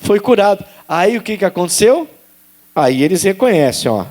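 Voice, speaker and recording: Animated high-voiced male preacher. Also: normal speed. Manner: animated preaching, rising to high exclaims and dropping low; acts out quoted dialogue. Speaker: pastor. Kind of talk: sermon.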